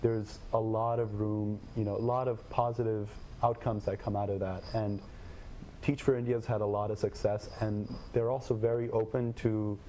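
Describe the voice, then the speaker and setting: A young man with a low, dark and mellow voice, answering interview questions. He talks in a measured, thoughtful way, pausing with fillers. A faint hiss of noise sits behind him. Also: level tone. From Nepal. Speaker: guest, education tech company head.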